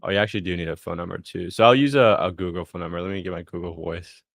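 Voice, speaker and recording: Low-voiced man talking through a demo. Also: racing, creaky, no echo, clean studio sound. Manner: relaxed, thinks aloud while clicking, punctuates steps with "boom". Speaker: guest walking through a software demo. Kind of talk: casual live screen-share tutorial.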